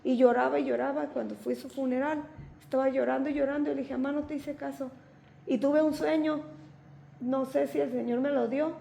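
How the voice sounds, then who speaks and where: A woman's voice: high voice, steady tone, brisk, gravelly, mellow, slight background noise. A woman telling a personal testimony plainly, mixing in English words. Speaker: congregation member sharing testimony. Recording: echoey room with faint ambience.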